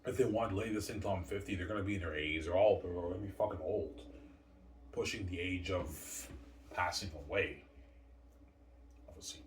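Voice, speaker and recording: Deep-voiced man rambling in an echoey room. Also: fairly quick, pauses often. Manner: repetitive, keeps saying "obviously" and "man". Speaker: vlogger. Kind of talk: rambling casual monologue. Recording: echoey room, distant mic, faint noise.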